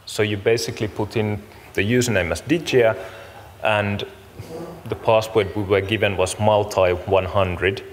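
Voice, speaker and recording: In a large conference room, the summit's organiser and host, a man with a lowish, steady voice, opens proceedings a little slowly. He delivers informal practical announcements to the audience in a casual, apologetic, rather hesitant way. The hall sounds echoey, and background noise comes through clearly.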